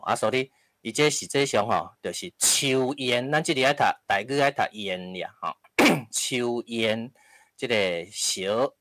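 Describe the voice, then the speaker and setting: A man with a Taiwanese accent gives a patient lecture, checking in with his listeners after nearly every phrase. His voice sits very low, and the sound is close and dry, with no room echo. Now and then he coughs or clears his throat. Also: fairly bright tone. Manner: explains step by step with frequent tag particles. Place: lecture hall with live audience.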